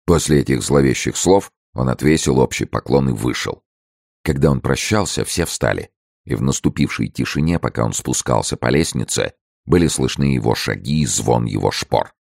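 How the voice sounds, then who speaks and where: A man narrating an audiobook in a steady, serious storytelling manner. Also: extremely low pitch, normal speed, vocal fry, no room sound, studio quality. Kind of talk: scripted narration.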